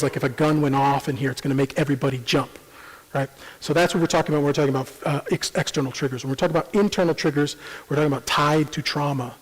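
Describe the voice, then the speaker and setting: A man leads a church parenting seminar, walking his listeners through ideas in a measured, explanatory way with frequent ums. His voice sits a little high for a man. The sound rings with the long reverb of a church hall. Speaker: seminar presenter. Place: church sanctuary.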